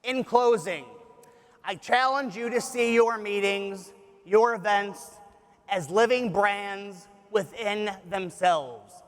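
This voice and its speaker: A man's voice: sits high, slow. A man giving a scripted keynote presentation with a polished, upbeat corporate promotional delivery. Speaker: tourism executive giving a keynote speech. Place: large conference hall on stage. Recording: echoey large hall with audience.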